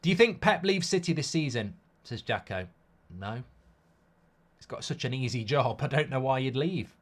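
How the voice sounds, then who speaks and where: A British man runs a live football watchalong, his voice a little croaky and bunged-up as he alternates easygoing commentary with blunt, joking replies to viewers in the chat. He speaks at a moderate pace in a mid-range, expressive voice.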